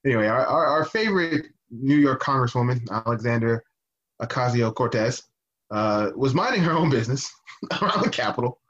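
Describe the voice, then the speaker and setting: A man's voice: medium pitch, expressive, moderate pace, a bit bright, dull audio. A man co-hosting a casual podcast, rambling through political chat with frequent fillers, restarts and profanity. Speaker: podcast co-host.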